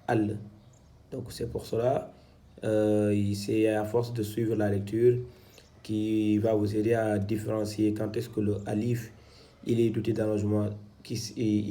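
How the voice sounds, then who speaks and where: A man's voice: fairly low pitch, gravelly, warm tone. A man teaching Quran reading in French, patiently sounding out syllables one at a time. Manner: spells out syllables slowly, stressing each one. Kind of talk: slow syllable-by-syllable reading lesson.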